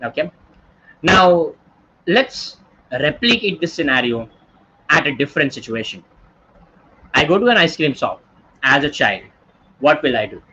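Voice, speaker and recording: A man's voice: fairly high pitch, very animated, a little slow, pauses often, sharp tone, husky, lo-fi sound. A man in his twenties with an Indian English accent, teaching an online workshop in a chatty, storytelling way full of tag questions like "right?" and "okay?". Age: 20s. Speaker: workshop instructor.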